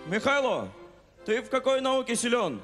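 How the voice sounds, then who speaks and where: A man's voice: very high voice, big pitch swings, moderate pace, a bit bright, soft background music, full character voice. A man playing a blunt, sly village peasant who argues in a stage comedy sketch.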